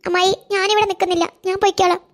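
Lady doing a sweet young girl in a cartoon, high and soft. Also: little pitch movement, rapid-fire. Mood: hurt. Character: polite hurt young girl.

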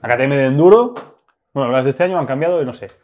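Hombre que comenta detalles técnicos con calma. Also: male voice, medium pitch, racing. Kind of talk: casual chat.

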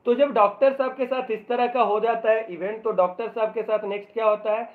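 A male teacher giving a live online English lesson in Hindi, joking as he explains and reading the English passages aloud very slowly. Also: high-pitched, fairly even intonation. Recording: tinny phone-like audio.

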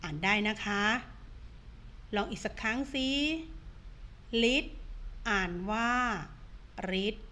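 Slow, sing-song woman teacher drilling words. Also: medium pitch, sharp tone. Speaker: primary school teacher. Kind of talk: online reading lesson.

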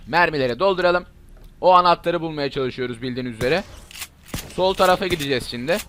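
Young male gamer, fairly high voice, chatty play-by-play that flares into shouting during action. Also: a little hiss or hum. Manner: excitable, shouts and curses at zombies. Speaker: gaming YouTuber. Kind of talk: let's play commentary.

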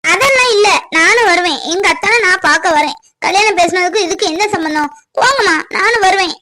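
A woman's voice: extremely high pitch, a little fast, pushed and bright, no echo. A woman voicing a tearful, pleading young village woman in a dubbed cartoon. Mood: insistent. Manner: crying, pleading, insistent.

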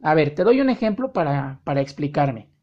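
A woman teaching an online language lesson, speaking directly to the learner and drawing out her example sentences slowly. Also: low-pitched, big pitch swings, warm tone, muffled recording. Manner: slow, drawn-out example sentences, friendly direct address. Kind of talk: online lesson explaining grammar.

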